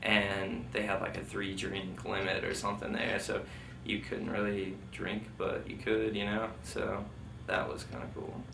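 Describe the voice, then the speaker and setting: In a low-pitched voice with vocal fry and a measured pace, a veteran looks back on his service during an interview. The telling is informal and meandering, crowded with "like" and "you know." The mic is distant, the room roomy, and faint noise sits underneath.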